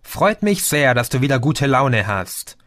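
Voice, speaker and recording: A man's voice: medium pitch, big pitch swings, measured pace, a bit bright, no room sound. A man voicing a grumpy, injured young bandmate with a growling, defensive manner.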